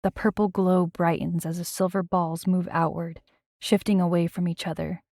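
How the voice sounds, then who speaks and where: A woman with a fairly low voice reads a first-person audiobook, and her telling is tense and dramatic. The recording is dry and close to the mic, with no room sound at all. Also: flat delivery, moderate pace, a little mellow, no room sound. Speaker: audiobook narrator.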